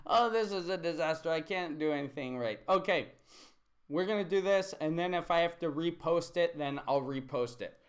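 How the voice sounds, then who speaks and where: On a live-streamed online lesson, a man teaching English chats and thinks aloud while correcting a student's writing at his computer. His voice is fairly high and his pace moderate.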